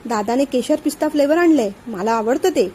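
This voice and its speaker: Vaidehi is a chatty young woman, quick to defend herself, talking to friend and brother in a storybook, as a woman narrator reads her. The voice is high, mellow and close to the narrator's own. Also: animated, a little hiss or hum. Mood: chatty, defensive.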